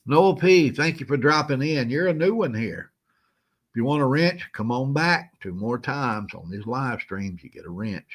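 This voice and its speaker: Guy hosting his live chat, folksy and chuckly, feeling kinda slow today. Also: mid-range voice, animated. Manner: folksy, chuckling, greets viewers by name. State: feeling unwell, moving slow. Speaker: host of a live stream. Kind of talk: casual live-stream chat.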